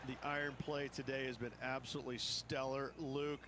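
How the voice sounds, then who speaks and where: A man offers measured, admiring golf analysis in a voice of ordinary pitch. Heavy background noise runs behind him throughout. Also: level tone. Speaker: golf co-commentator. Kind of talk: color commentary.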